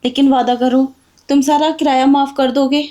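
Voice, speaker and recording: An anxious young married woman, played by a woman, with a high voice. She sounds hesitant and worried and turns defensive when she is pressed. She comes from a homemade drama skit. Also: little pitch movement, normal speed, mellow, natural voice. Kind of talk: amateur Hindi drama skit.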